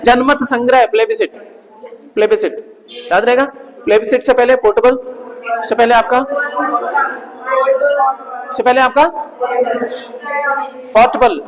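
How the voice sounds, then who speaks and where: A male teacher drills vocabulary in a classroom, quizzing students and repeating each word many times. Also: extremely high pitch. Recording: reverberant classroom.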